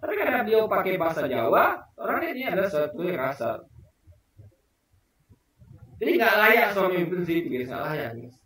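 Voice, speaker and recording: High-voiced man in a very echoey room. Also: very animated, brisk, long pauses, a bit bright. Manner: emphatic, rhetorical questions, keeps addressing the audience. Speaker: political commentator. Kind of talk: casual spoken commentary to viewers. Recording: very echoey room, voice far from the mic.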